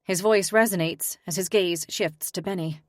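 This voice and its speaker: A woman's voice: fairly low pitch, normal speed, no echo, clean studio sound. A young woman giving emotional, weary first-person audiobook narration. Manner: emotional, weary, introspective delivery.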